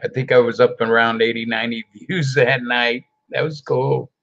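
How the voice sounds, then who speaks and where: A man's voice: medium pitch, flat delivery, moderate pace, fairly bright tone, highs cut off. A man hosting a casual late-night live show over a video call, with easygoing, joking banter. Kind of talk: casual livestream chat.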